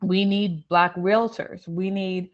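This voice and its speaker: A woman's voice: medium pitch, steady tone, slow, dull audio. An American woman in a casual group discussion, talking in a thoughtful, hesitant way and often correcting herself.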